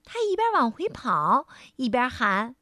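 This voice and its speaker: A woman storyteller reading a storybook aloud for children, in a gentle and expressive way. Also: sits high, a little slow, dry recording, clean studio sound.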